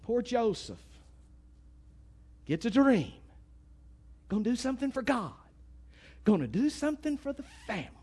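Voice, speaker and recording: A man with an East Texas accent preaching a sermon in a folksy, emphatic way, swinging from loud bursts to hushed asides. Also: very high voice, very animated, normal speed, long pauses, slightly rough.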